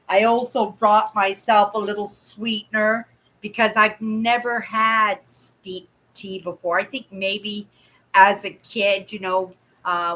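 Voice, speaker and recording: A Canadian woman in her sixties from Vancouver hosts a casual livestream from a room in her home, rambling and reading out viewers' comments. Her medium-pitched voice sounds pushed and bright, and the desk webcam yields poor audio.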